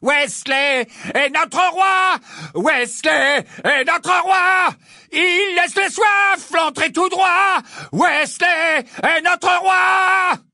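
A man putting on a crowd of fans who jeer in a slow, sing-song chant. It is shouted high above his normal voice and stretched out word by word. The recording is dry and close. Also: creaky, no room sound, full character voice. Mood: mocking. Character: jeering crowd of young sports fans. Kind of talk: audiobook character voice.

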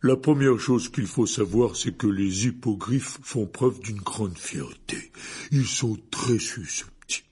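A man's voice: lowish voice, slow, darkish tone, husky, full character voice. An actor playing a huge, kindly, clumsy half-giant teacher who stumbles over his words with many fillers. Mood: explaining. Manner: hesitant, full of fillers, eager. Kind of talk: dramatized audiobook reading.

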